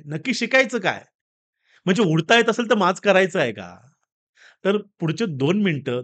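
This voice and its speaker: Animated male motivational storyteller. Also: high voice. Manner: animated, addresses viewers as friends. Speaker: motivational speaker.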